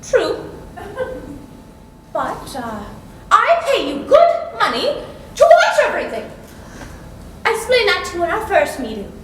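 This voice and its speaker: A woman's voice: very high voice, sing-song, a little slow, long pauses, noisy background, heavily acted. A woman playing a stingy, condescending employer on a stage, talking in a sweetly mocking way and laughing often, recorded from far off in an echoey hall. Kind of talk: stage play performance. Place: school stage before an audience. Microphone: distant room mic.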